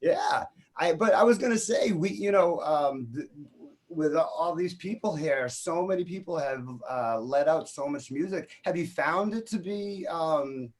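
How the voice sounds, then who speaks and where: A man's voice: a little high, animated, unhurried, a little mellow. A man from Boston with a Boston accent, hosting a casual video call chat among musicians, friendly and rambling with restarts.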